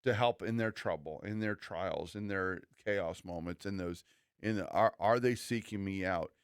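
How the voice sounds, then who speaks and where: A man's voice: low-pitched, normal speed, smooth, no echo. Pastor guy on a church podcast, earnest, stops and restarts a lot, dry close mic. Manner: earnest, preachy, many restarts and quoted asides.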